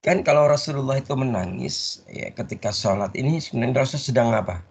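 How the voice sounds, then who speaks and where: Male religious teacher, a gravelly, husky delivery, and call-and-response pauses. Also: medium pitch, animated, a little mellow. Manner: call-and-response, leaves words half-said for the audience to finish. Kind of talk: Islamic study lecture. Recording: dull lo-fi recording.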